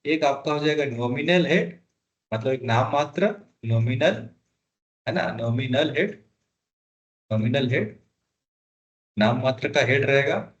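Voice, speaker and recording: A man's voice: mid-range voice, expressive, slow pace, pauses often, highs cut off. A man teaching a polity lesson for exam prep, asking students questions and repeating key terms. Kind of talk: classroom lecture, Hindi mixed with English.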